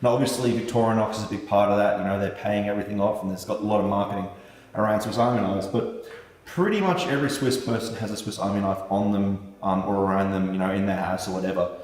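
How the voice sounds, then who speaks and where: The speaker is a knife maker raised with German as his first language, chatting loosely to viewers and swearing now and then. He talks at a quick pace in a lowish, slightly mellow voice, recorded from a distant mic in an echoey room with a light set up.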